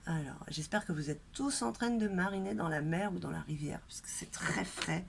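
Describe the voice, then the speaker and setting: Nasal, congested woman with a very gravelly creak. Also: fairly low pitch, expressive, fairly quick. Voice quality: nasal, congested stuffed-up voice from a blocked throat. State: congested throat, coughing and throat-clearing. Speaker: tarot reader and channel host. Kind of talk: casual chatty tarot reading to viewers. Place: outdoors in a light wind. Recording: noisy outdoor recording with wind.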